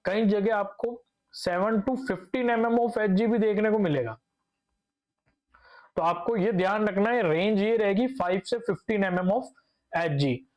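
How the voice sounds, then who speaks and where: Speaking a little slowly in a high, slightly mellow voice, this young male nursing instructor lectures with patience. He asks his class questions only to answer them himself, says every key term a few times over, and mixes in English medical vocabulary.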